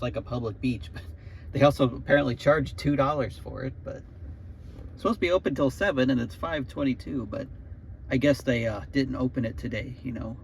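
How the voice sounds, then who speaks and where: A man's voice: mid-range voice, gravelly. A man chatting casually and offhand as he narrates his road trip vlog, musing as he goes. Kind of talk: casual rambling vlog chat. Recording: muffled sound with loud background noise.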